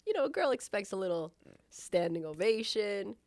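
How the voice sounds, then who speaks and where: A woman's voice: mid-range voice, normal speed, no echo, studio quality. A woman in her thirties co-hosting a podcast, talking casually and laughing often. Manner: animated and laughing, fiddling with the recording settings. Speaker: podcast co-host, company founder. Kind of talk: casual chat.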